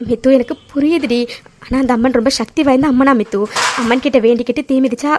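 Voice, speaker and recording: Woman voicing a gentle, patient young friend, pitched lower and softer than the heroine, for a cartoon. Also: steady tone, fast, background noise, close to an everyday voice. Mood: soothing.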